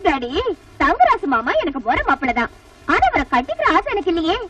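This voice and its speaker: A woman's voice: very high-pitched, sing-song, a little fast, heavy background noise. An actress playing a rich, educated young woman who speaks boldly and forthrightly. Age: young adult. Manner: teasing, forthright. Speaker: heroine. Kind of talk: Tamil film dialogue. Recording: distant film soundtrack with music.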